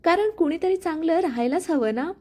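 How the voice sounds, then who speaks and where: Woman playing a young bride, gentle, patient, soft-spoken, story reading. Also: very high voice, lively intonation, a little fast, pitched above the performer's own voice. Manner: soft, meek.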